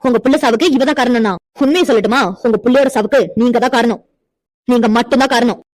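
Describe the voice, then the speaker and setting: A woman's voice: on the high side, steady tone, quick pace, no room sound, lightly acted. A woman voicing a defiant young woman in a cartoon, indignant and lecturing as she defends her friend. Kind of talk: cartoon voice acting.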